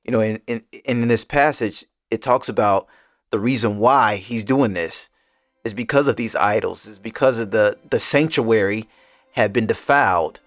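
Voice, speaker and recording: A man leading a casual Bible study discussion, earnest and quick to laugh. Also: on the low side, no echo.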